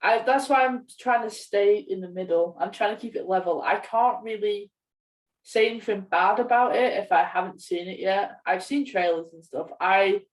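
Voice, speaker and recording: A woman co-host with a medium pitch and moderate pace chats casually on a podcast covering films and games. The audio has room echo, and she sits some distance from the mic.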